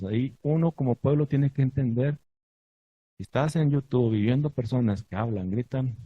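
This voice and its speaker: Male congregation teacher, sermon delivery, husky tone, dry close sound. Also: mid-range voice, warm tone, no echo, dull audio. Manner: asks the congregation questions, recites Hebrew blessings.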